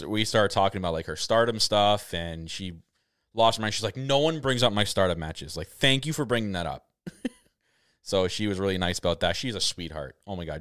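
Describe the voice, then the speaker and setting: A young man co-hosting a podcast, telling a story in casual chat, excitable, laughing often, with many restarts. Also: low voice, clear, resonant tone, no echo, studio quality. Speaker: podcast co-host.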